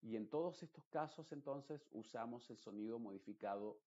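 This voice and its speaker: A man, teaching English pronunciation in an explanatory lesson and repeating example words slowly and carefully. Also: medium pitch, a little mellow, slightly rough. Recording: dull lo-fi recording.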